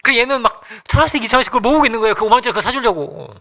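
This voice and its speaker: A man's voice: very high voice, animated, racing, creaky, sharp tone. A middle-aged male pastor preaching a sermon in church, telling family stories and acting out the quotes with laughs. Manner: storytelling with acted-out quotes and frequent laughs. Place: church sanctuary.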